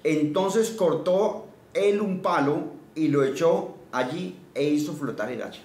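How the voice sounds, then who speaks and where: A man preaches, his fairly high voice carrying through a roomy, echoing space from some distance off. He reads scripture aloud, then explains it plainly, asking his listeners questions and having them repeat lines back. Faint background noise sits under his voice. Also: unhurried, darkish tone. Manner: quizzes listeners and leads call-and-response repetition. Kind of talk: interactive sermon teaching.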